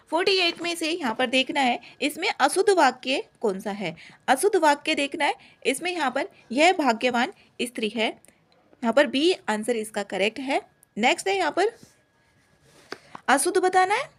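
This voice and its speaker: A young woman teacher briskly going through exam answers one by one, repeating each point as she explains. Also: high voice.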